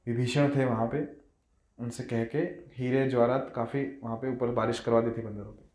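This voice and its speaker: Expressive male devotional storyteller, echoey room. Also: medium pitch, moderate pace. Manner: expressive storytelling with rhetorical questions. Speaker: devotional speaker. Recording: roomy echo.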